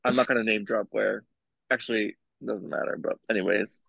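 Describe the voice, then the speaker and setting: A man's voice: lowish voice, fairly even intonation, a little fast, gravelly, fairly bright tone, breathy edge, no room sound, muffled recording. A man co-hosting a podcast, teasing and campy in casual chat. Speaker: podcast co-host.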